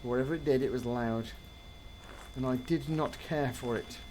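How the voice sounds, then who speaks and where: A man's voice: mid-range voice, moderate pace, background noise. A man streaming a ghost-hunting game, chatting casually with wry, understated remarks while he explains the rules. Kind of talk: casual gameplay chat.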